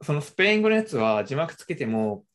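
A young adult in a casual chat who talks in a relaxed, hesitant way, with many fillers and restarts. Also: medium pitch, a little fast. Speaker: conversation partner.

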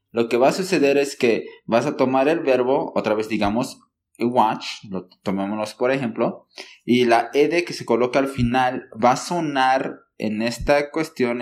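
A man teaching a language lesson, explaining patiently, checking in with listeners often and saying example words slowly for them to copy. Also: medium pitch. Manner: models words slowly for learners. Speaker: English teacher.

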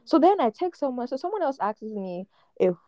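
A woman's voice: high-pitched, sing-song, fairly quick, mellow, dry recording. A young woman hosting a podcast, telling a long story in casual chat, rambling, laughing, with lots of fillers and restarts. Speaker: podcast host.

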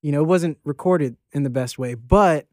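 A man around thirty, from Baltimore, rambles casually as an interview guest, full of fillers and restarts. His voice sits a bit high for a man. The sound is close and dry. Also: moderate pace, darkish tone, no room sound. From Baltimore, Maryland. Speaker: guest rapper.

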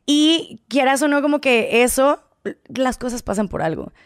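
A woman's voice: high voice, moderate pace, no room sound, studio quality. A young woman with a Mexican accent, chatting casually as a guest, slangy and playful. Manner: slangy, playful, laughs often. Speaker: guest youtuber. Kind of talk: casual chat.

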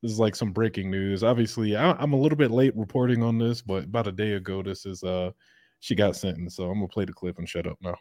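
A man hosting a podcast in casual commentary, blunt and profane, breaking into loud laughter. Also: lowish voice, fast, no room sound. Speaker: podcast host.

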